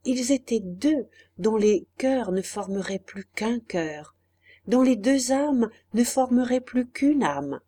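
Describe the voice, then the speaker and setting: A woman narrating a classic novel as an audiobook, measured and expressive. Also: fairly high pitch.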